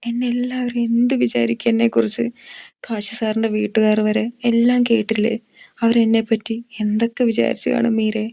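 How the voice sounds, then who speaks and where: A woman's voice: medium pitch, fairly even intonation, normal speed, gravelly, darkish tone, no echo, studio quality, voice pushed up. A woman voicing a distressed young woman teacher who is crying and speaks in choked, faltering words. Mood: distraught.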